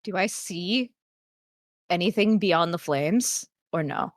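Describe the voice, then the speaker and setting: A woman's voice: lowish voice, takes it slowly, no echo. A woman chatting casually as a player in a tabletop game, with a dry, sarcastic manner.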